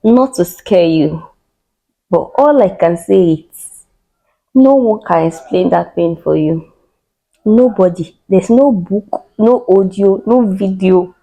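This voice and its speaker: A young adult woman host telling a personal story on a podcast, expressive and dramatic, with cries, sighs and emphatic repetition. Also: mid-range voice, takes it slowly, low-quality recording.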